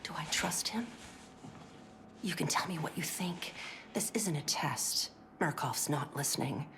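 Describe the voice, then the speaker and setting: An actress gives scripted game voice lines as a chirpy, overly polite, sugary 1950s clinic worker who is strained, pill-addled, and fraying, frequently slipping into whispers. She sounds frayed, with a low-pitched voice at a slightly slow pace, over steady background noise.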